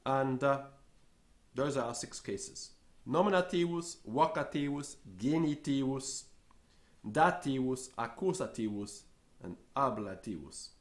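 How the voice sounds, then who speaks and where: A man's medium-pitched voice, lively in intonation and measured in pace, leads a slow spoken Latin lesson. Each Latin word gets said, repeated and then explained in English, while he acts out brief scenes in a raised voice.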